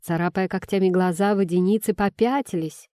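A woman reading a first-person fantasy audiobook in an expressive storytelling manner. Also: medium pitch, a little fast, no room sound, studio quality. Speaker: audiobook narrator.

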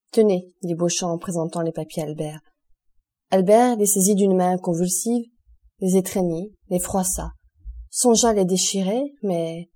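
A woman reads a classic novel aloud for an audiobook, keeping a steady, measured pace. Her tone is very dark and mellow, sitting at an ordinary pitch. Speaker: audiobook reader.

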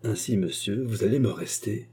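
Hearty old aristocrat-hunter, boisterous and welcoming, for a storybook; a man reads him, somewhat low and dark, with a husky edge. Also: moderate pace. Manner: hearty and effusive. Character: jovial old male country nobleman and hunter.

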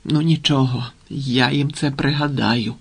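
A man's voice: mid-range voice, fairly even intonation, unhurried, creaky, husky. A man voicing a plucky, resourceful young shepherd boy in a storybook reading. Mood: earnest.

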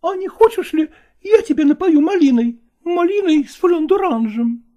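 A man's voice: lively intonation, moderate pace, mellow. Man voicing a tearful jealous actress. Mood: tearful reproach. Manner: high, pleading and reproachful, tearful. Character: tearful jealous actress, young woman, clingy. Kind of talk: audiobook character reading.

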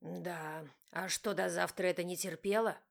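A woman voicing a curt, commanding young husband in an audiobook, with a gruff, clipped delivery. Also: on the low side, steady tone, moderate pace. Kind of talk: audiobook narration.

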